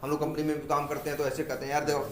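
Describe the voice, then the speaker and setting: A man's voice: on the high side, monotone, very fast, a bit bright. A male instructor giving a classroom lecture, asking his students questions, answering them himself and repeating key terms. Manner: mixes English technical terms into Hindi. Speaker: software testing instructor. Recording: echoey room.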